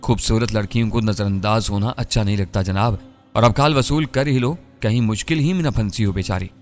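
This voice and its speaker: A man reading an audiobook voices a calm, teasing young woman who soothes and persuades. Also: on the low side, brisk, faint music behind, close to an everyday voice.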